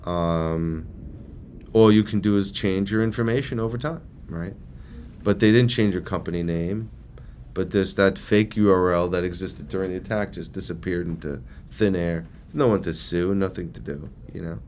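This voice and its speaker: A man's voice: sits low, moderate pace, darkish tone, a little hiss or hum. A man leading a training session, talking to a group in a casual, rambling, conversational way. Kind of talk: casual informal presentation to a group.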